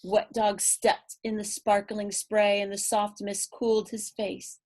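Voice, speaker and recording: Her voice sits in the mid range, a little mellow and fairly monotone in pitch, yet the picture-book reading itself is playful, rhythmic and drawn-out. She's a woman storyteller who breaks off for chatty remarks to the children listening.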